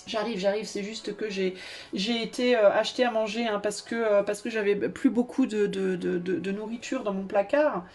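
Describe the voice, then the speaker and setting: Woman doing a fidgety rushing tarot card guy, rambly, trips over his own words. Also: mid-range voice, steady tone, a little mellow, close to an everyday voice. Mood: cheerful. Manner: rambling, self-mocking, hesitant restarts. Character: jittery restless male tarot card, always rushing.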